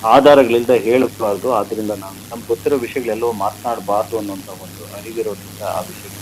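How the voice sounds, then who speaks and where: Man, phoned-in interviewee, deliberate pace, flares up when stressing points, faint line hiss. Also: on the low side, fairly even intonation. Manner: measured, slow, rising to heated emphasis. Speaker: fan association state president.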